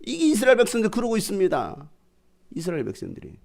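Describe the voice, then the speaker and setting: A middle-aged man preaching a sermon as pastor, swinging from loud proclaiming to hushed storytelling. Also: mid-range voice, sing-song, brisk.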